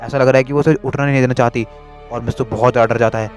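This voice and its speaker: A man narrating a spooky story in a hurried, repetitive way. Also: medium pitch, steady tone, a little mellow, faint music behind.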